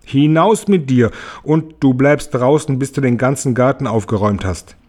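A man voicing a greedy, cruel middle-aged aunt with a shrill, bossy voice in a storybook reading. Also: normal speed, darkish tone, natural voice. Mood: harsh scolding. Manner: shrieking, bossy barking.

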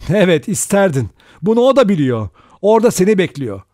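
A desperate young woman, her voice pitched high and quavering as she cries out in fear, put on by a male audiobook narrator. The pitch swoops around restlessly. The reading sounds close and dry, with no room around it. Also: lively intonation, fairly quick, dark tone, no echo. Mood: panicked. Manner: cries out in a raised, trembling voice.

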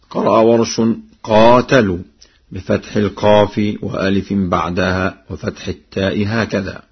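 A man gives a radio lesson on recitation, moving between plain explanation and slow melodic chanting of verse examples. His voice is husky and he speaks at an unhurried pace. The sound is dull and lo-fi, like an old archival radio broadcast. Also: fairly low pitch. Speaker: Quran recitation teacher.

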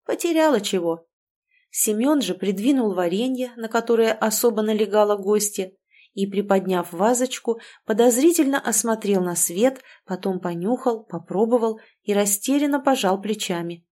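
Woman reading an audiobook, steady and expressive, middle pitch. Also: normal speed. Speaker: audiobook narrator. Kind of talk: scripted narration.

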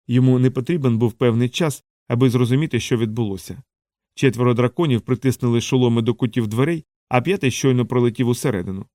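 A man narrating an audiobook in a steady, measured reading. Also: medium pitch, dry recording, clean studio sound.

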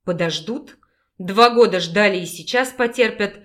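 A woman's voice: unhurried, lightly acted. A woman voicing a growling male wolf alpha. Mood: hungry, teasing. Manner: growling, low and possessive. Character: gruff commanding male wolf-pack alpha. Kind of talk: audiobook character reading.

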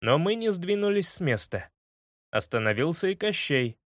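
A man narrating a children's audiobook in a lively, expressive storytelling manner. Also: a little high, moderate pace, no room sound, studio quality. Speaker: audiobook reader.

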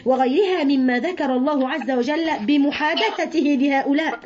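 A woman's voice: high-pitched, a little fast, a little mellow. A woman with an Egyptian Arabic accent teaching a religious lesson, explaining points and asking her listeners rhetorical questions. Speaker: Quran teacher. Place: room with women listeners. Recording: dull lo-fi lesson recording.

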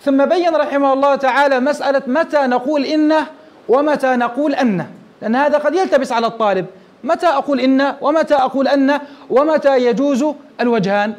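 High-voiced, fast-talking male sheikh teaching. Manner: explains step by step, asking the class questions and answering them himself. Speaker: Islamic scholar teaching Arabic grammar. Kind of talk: classroom grammar lesson.

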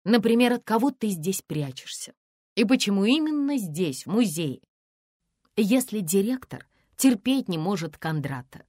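Woman doing a young woman screenwriter, indignant, sharp, exclaiming, lively pitch, dry close audio. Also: normal speed, no room sound. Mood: explaining. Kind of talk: audiobook character reading.

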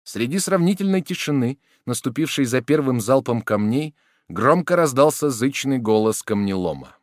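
A man reading a novel aloud in expressive, dramatic narration. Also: medium pitch, moderate pace, no echo, clean studio sound. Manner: expressive, lively reading with many voices. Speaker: reader of an audiobook.

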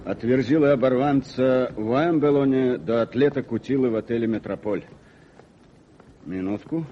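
A brisk detective on old radio. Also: male voice, medium pitch, warm tone, a little hiss or hum. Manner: brisk, commanding, terse orders. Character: brisk sharp-witted male detective on a chase. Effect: old radio play recording. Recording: lo-fi old radio play recording.

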